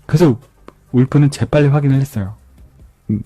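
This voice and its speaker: A man narrates a crime novel in a calm ASMR book-review style, repeating key phrases for emphasis. His voice is dark and mellow, recorded dry and close. Soft music plays faintly underneath. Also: mid-range voice, brisk, dry recording. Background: soft background music.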